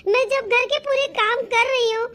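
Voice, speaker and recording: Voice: extremely high pitch, little pitch movement, moderate pace, pushed and bright. A whiny tearful cartoon daughter. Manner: complaining, whining. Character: tearful young married daughter. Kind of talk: cartoon comedy voice acting.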